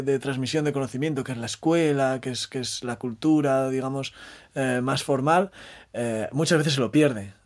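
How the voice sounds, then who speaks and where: Thoughtful man, halting phrasing. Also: medium pitch. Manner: thoughtful, halting with repeated phrases and tag questions. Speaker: interview guest, maths communicator and storyteller. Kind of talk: reflective conversational interview.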